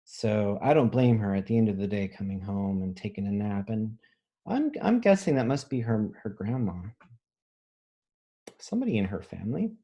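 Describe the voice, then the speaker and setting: With a lowish, mellow voice edged with breathiness, a male elementary teacher reads a picture book expressively and stops to explain it plainly for children. The audio sounds dull.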